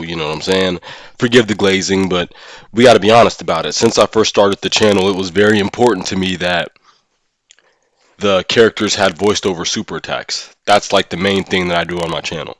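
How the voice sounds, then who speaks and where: A man with a very deep voice streams and hosts a gaming channel, keeping his casual livestream talk slangy and conversational while often checking in with listeners. The sound is close and dry, with very little room in it and no echo.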